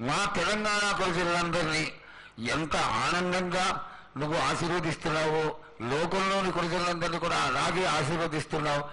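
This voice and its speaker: Higher-pitched man, reverent priestly supplication. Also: steady tone. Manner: formal, supplicating, in measured short phrases. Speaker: priest questioning the oracle. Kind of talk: reverent ceremonial address to a goddess. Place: live temple festival ceremony. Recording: noisy live festival sound.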